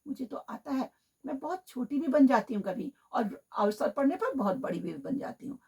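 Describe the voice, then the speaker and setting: A woman voicing a kindly female river who calmly offers her help. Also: high-pitched, moderate pace, slightly rough, full character voice. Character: kindly female river spirit, calm helper.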